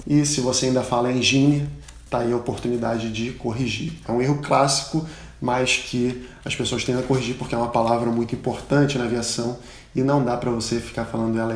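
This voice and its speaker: A Brazilian man, a pilot, giving a casual spoken lesson, chatty and full of anecdotes, repeating the words he teaches loudly. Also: mid-range voice, reverberant. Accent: Brazilian Portuguese. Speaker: pilot and aviation English instructor.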